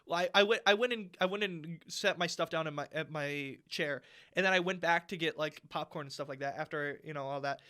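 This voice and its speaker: A young man co-hosting a podcast tells a story in a casual, profane, exasperated way. His voice is a little high with a sharp tone, recorded on a podcast mic.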